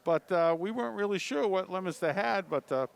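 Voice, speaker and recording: A man with a New England accent gives color commentary on a high school basketball game. His voice is smooth and a little high. He rambles through his points and fills the gaps with "uh". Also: lively intonation, fairly quick. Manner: rambling, with many "uh" fillers.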